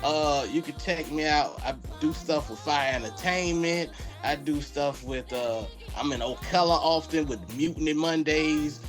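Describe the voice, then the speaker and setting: A man who is a comedian guest from Florida talks in loose, joking Southern vernacular on a casual podcast. His voice sits a little high for a man. Faint music plays underneath. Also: measured pace, hardly any pauses.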